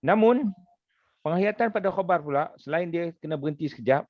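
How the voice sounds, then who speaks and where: A man's voice: on the high side, animated, brisk, dry recording, muffled recording. A man with a Malaysian accent teaching an Arabic grammar lesson as a religious teacher, patiently explaining with repeated examples.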